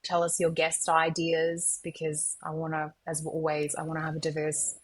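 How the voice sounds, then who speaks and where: A woman co-hosting a podcast, chatting casually about technology, chatty and quick to jump in. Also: low voice, monotone. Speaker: podcast co-host. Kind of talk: casual tech podcast chat.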